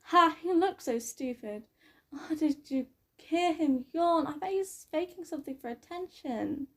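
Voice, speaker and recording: A woman's voice: high voice, unhurried, fairly bright tone, voice pushed up. A woman voicing mocking teenage classmates.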